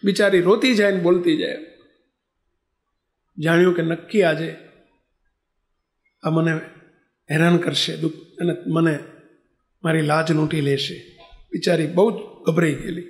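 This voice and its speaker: A man preaching a devotional story in an animated way, with a high voice and a gravelly texture. The sound echoes around a roomy hall. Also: measured pace, long pauses. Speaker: spiritual leader.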